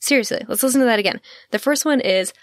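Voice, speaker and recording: A woman's voice: fairly high pitch, quick pace, no echo, studio quality. A woman hosting a self-help podcast, talking in a candid, blunt way and laughing easily between points. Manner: candid and blunt, swears casually; laughs easily mid-sentence. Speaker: podcast host.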